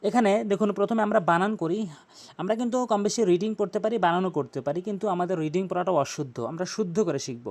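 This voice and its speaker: A man with a Bangladeshi Bengali accent teaching tajweed, spelling Arabic letters out slowly and chanting verses in long drawn-out tones. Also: sits high, a little mellow. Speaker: Quran recitation teacher. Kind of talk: tajweed lesson with recitation.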